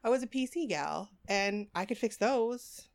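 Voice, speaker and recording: A woman's voice: mid-range voice, lively intonation, a little slow, creaky. Rambling, foul-mouthed woman co-host. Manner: rambling, swears freely. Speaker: podcast co-host. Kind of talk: casual chat.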